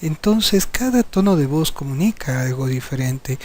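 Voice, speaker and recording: A man's voice: on the high side, expressive, moderate pace. A middle-aged man, a psychiatrist, giving a lecture on communication and acting out different tones of voice as examples. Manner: demonstrative, acts out tones of voice as examples. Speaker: psychiatrist teaching a hypnosis course.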